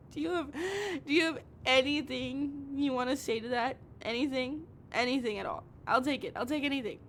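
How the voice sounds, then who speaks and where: In an intimate audio roleplay, a woman with a fairly high, fairly bright voice plays a heartbroken, obsessive young woman pleading with her partner at a moderate pace. Tearful and desperate, she stammers and repeats herself with raw emotion. Some noise and a low rumble sit under the recording.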